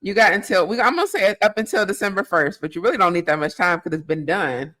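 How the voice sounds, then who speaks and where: A woman talking in a relaxed interview, coaching with a firm, direct push. She drops casual slang and keeps pressing for an answer. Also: lowish voice, fast. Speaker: guest business coach.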